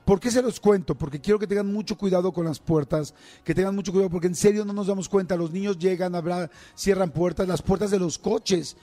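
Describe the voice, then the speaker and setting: Mexican man, middle-aged, mellow voice, slightly high, chatty storyteller, faint music behind. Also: a little fast. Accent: Mexican Spanish. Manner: chatty, animated, acts out screams and quotes. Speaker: radio show host. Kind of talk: casual storytelling to listeners.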